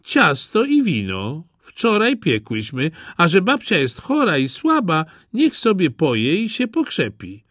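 A man's voice: fairly high pitch, huge pitch swings, a little slow, few pauses, a bit bright, no room sound, clean studio sound, voice pushed up, exaggerated voice. A man doing a sweet naive little girl. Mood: cheerful.

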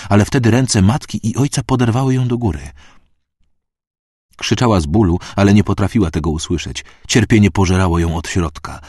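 A man reading a dark fantasy audiobook in a steady, measured way. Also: low voice, dry recording, studio quality. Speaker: audiobook narrator.

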